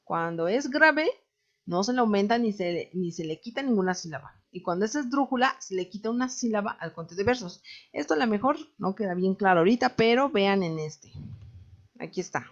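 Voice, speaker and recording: A woman's voice: medium pitch, animated, brisk. Patient woman teacher, dull lo-fi sound. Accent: Mexican Spanish. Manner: patient, explanatory, often asks "¿no?". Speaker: literature teacher. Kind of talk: recorded online class.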